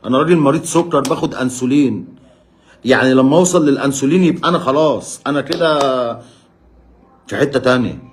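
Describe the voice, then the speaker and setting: A man's voice: mid-range voice, quick pace. A man with an Egyptian Arabic accent, a diabetic patient filming himself on a phone, talking straight to camera and pleading with a string of rhetorical questions. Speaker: diabetic patient sharing his experience. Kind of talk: emotional direct-to-camera monologue.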